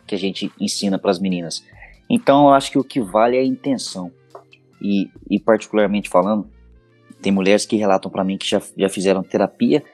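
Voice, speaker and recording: Brazilian man, podcast guest, husky voice, animated storyteller, faint music underneath. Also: on the low side. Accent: Brazilian Portuguese. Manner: animated storyteller acting out scenes. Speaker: podcast guest, intimate audio creator. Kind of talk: casual podcast conversation.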